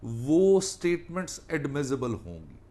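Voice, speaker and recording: A law lecturer and defence attorney with a Pakistani accent gives an explanatory, didactic lecture, restating his points and mixing in English legal terms. His medium-pitched voice is sing-song and dark in tone, with a measured pace.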